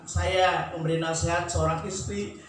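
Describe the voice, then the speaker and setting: A man preaching a sermon in a chatty, joking way, laughing often and acting out nagging spouses in a squeaky voice. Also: level tone, normal speed, fairly bright tone, recorded from a distance, a little hiss or hum. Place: church sanctuary. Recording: echoey church hall, mic from afar.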